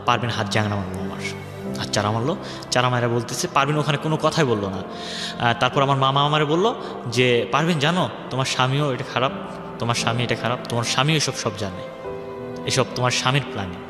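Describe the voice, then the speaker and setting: A fast-talking young man with a mid-range voice and lively intonation rambles through his life story on air, impersonating the people around him. Music runs in the background of a recording with echoey, hall-like reverb.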